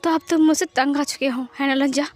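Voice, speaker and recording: A hot-tempered young ghost, jealous and quick to sulk, who keeps saying how angry he is, as a woman reads him out in a storybook. The voice sits high and bright. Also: fairly even intonation, faint music behind, close to an everyday voice. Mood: sulky. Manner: angry, brooding and resentful. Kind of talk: storytelling voice acting.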